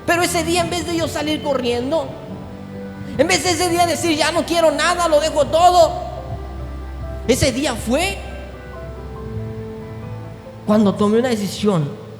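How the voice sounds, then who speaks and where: A pastor preaching a sermon, moving from low, intimate tones up to shouted climaxes. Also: male voice, measured pace, pauses often. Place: large church hall. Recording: echoey hall with music behind.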